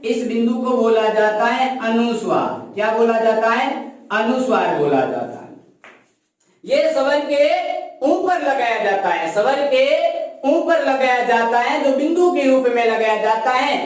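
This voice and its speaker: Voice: medium pitch, expressive, measured pace. A Sanskrit grammar teacher who explains while writing on a board, asks questions and answers them, and drills by repetition. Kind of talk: classroom lesson in Hindi. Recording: very echoey room, voice far from mic.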